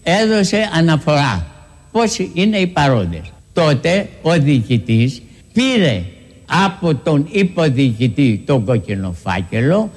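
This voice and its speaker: A man's voice: fairly high pitch, sing-song, a little mellow. Man giving archival testimony, reverberant. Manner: plain storytelling with hesitations. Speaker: witness recounting events.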